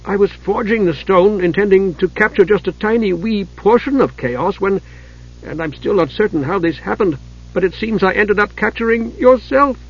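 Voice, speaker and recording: A man's voice: sits high, normal speed, husky, lo-fi sound, pitched above the performer's own voice. A man voicing a rotund male dwarf god, a smith, who talks in an anxious, stammering way.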